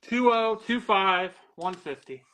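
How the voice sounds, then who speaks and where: This comic book seller runs a casual live sale, reeling off grades and prices in an easygoing way with frequent laughs. He speaks slowly in a high-pitched voice that sounds pushed and bright.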